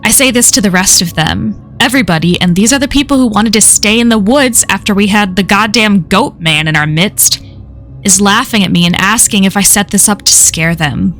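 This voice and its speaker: A woman reading a horror story aloud on a live stream, in a measured storytelling manner that slows at the tense moments. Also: medium pitch, fairly bright tone, soft background music.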